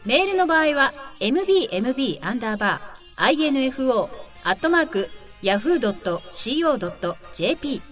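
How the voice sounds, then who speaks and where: A woman's voice: sits high, big pitch swings, fast talker, faint music behind. A woman reading the show's closing announcements in a polite manner.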